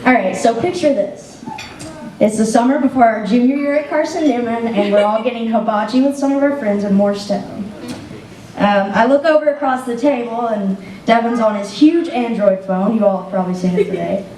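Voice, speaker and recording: A woman's voice: fairly high pitch, moderate pace, dark tone. A young woman giving an emotional wedding toast as the best friend, laughing often and close to tears. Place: wedding reception room. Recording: echoey room, distant mic, faint noise.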